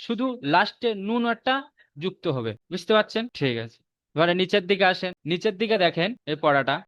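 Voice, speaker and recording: A man with a Bengali accent teaching Quran reading in a recorded online lesson, repeating rules and slowly drawing out each letter. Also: high-pitched, animated, fairly bright tone, no echo. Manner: slow drawn-out spelling of letters, repeats rules for memorizing. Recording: dull muffled lo-fi audio.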